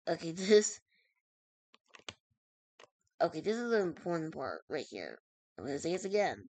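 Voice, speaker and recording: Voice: mid-range voice, big pitch swings, normal speed, a little mellow, no room sound. A streamer reading a web story aloud, stumbling over words, correcting themselves and dropping in casual asides.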